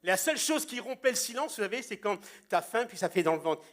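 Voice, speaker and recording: A man's voice: sits high, expressive, fast talker, fairly bright tone. A man in his sixties, a pastor preaching a sermon in a church and telling humorous anecdotes with punchlines.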